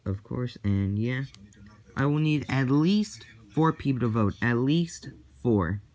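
A man making a casual announcement to viewers as host of a toy series, in a halting, repetitive way. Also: mid-range voice, expressive, a little mellow.

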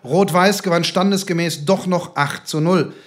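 A man reading his own comic short story aloud with lively, deadpan storytelling. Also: high-pitched, normal speed.

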